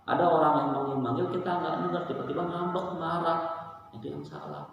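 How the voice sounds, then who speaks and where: A man's voice: on the high side, brisk, dull audio. A male religious studies teacher giving a recorded lesson, reading Arabic lines and explaining them in a repetitive, emphatic, admonishing way. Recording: echoey hall, distant mic, faint noise.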